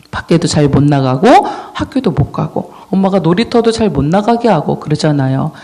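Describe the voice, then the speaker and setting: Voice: mid-range voice, darkish tone. A children's ministry preacher telling a Bible story in a children's sermon and asking the children questions.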